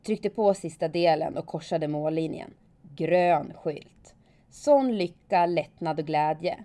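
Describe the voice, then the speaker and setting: Woman narrator, low and mellow, calm first-person storytelling. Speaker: former alpine skier telling her story.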